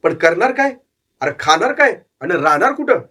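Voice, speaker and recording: A gruff old street fortune-teller, blunt and worldly, with a voice that sits a little high, as a storyteller puts him on. He snaps and scolds, then turns knowing and cynical, in a read-aloud story. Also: big pitch swings, moderate pace, pushed and bright, full character voice. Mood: questioning.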